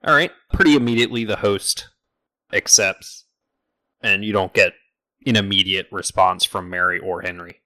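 A man's voice: low voice, fairly even intonation, normal speed, pushed and bright, dry recording. A man narrating as game master in a tabletop role-playing game, laid-back and conversational.

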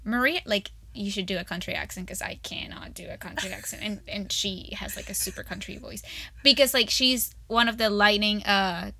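A woman's voice: medium pitch, steady tone, normal speed, vocal fry, pushed and bright, slight background noise. A young woman co-hosting a student podcast, chatting in a bubbly, gushing way full of fillers. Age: young adult. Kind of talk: casual chat.

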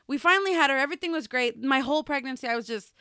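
Lively woman podcaster, high bright voice, dry close mic, acts out the quotes. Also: rapid-fire, no echo. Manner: animated storytelling, acts out quotes. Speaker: podcast co-host. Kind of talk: casual chat.

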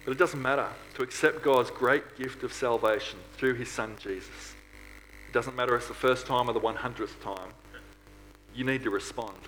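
A male preacher delivers a sermon to his church congregation in a mid-range, fairly bright voice at normal speed. He speaks earnestly and poses rhetorical questions. The low-quality recording carries noticeable background noise.

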